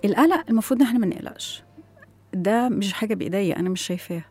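A woman's voice: mid-range voice, expressive, racing, darkish tone, slightly rough, soft background music. A woman with an Egyptian accent, a guest education expert, explaining her ideas in an interview and often asking rhetorical questions. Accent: Egyptian Arabic.

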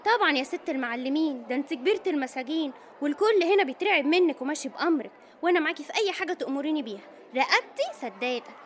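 Brief: woman as panicky fawning Egyptian inmate sidekick, very high, fast and jumpy. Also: lively intonation, a little hiss or hum. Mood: jittery. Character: jittery fawning young female inmate sidekick.

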